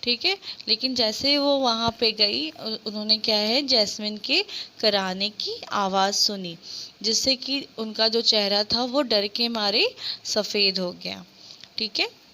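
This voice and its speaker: A woman teacher reading an English lesson aloud and explaining it line by line, spelling words out letter by letter and often pausing on "theek hai". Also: fairly high pitch, pushed and bright. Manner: reads English lines very slowly, then explains in casual Hindi; frequent filler "theek hai" and hesitations. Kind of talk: slow textbook reading with Hindi explanation.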